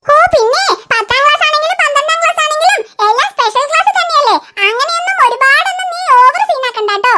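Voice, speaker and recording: A woman's voice: very high-pitched, animated, fast, hardly any pauses, very noisy. A woman voicing a tearful, whiny schoolgirl younger sister in a cartoon. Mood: cheeky. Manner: whiny, sobbing pleas. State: crying. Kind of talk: cartoon voice acting.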